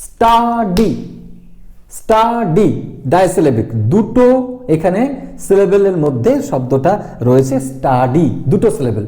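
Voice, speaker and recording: A man with a Bengali accent teaching English grammar, slowly repeating and spelling out words and switching between Bengali and English. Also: a little high, expressive, warm tone. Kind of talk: classroom grammar lesson.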